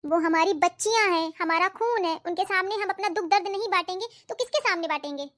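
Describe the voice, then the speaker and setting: A woman voicing a gentle, anxious young mother in a cartoon story. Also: very high-pitched, fast talker. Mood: earnest. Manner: soothing, affectionate. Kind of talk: cartoon voice acting.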